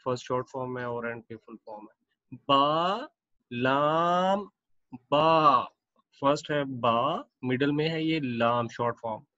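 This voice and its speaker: A man teaching Quran reading, explaining Arabic letters with English words mixed in and repeating each letter pair slowly and at length. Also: mid-range voice, steady tone, fairly bright tone, no echo, lo-fi sound.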